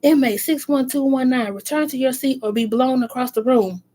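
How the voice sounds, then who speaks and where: A woman's voice: high-pitched, normal speed, mellow, pitched above the performer's own voice. A woman voicing a stern male prison guard who barks orders. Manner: barking orders.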